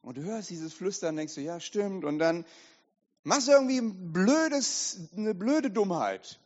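A man preaching as a pastor, lively and direct, often asking the congregation questions, recorded in an echoey hall with dull sound. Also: sits high, a little slow. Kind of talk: sermon.

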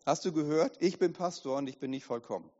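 A man preaching as a pastor, lively and direct, often asking the congregation questions, recorded in an echoey hall with dull sound. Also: on the high side, quick pace. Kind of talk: sermon.

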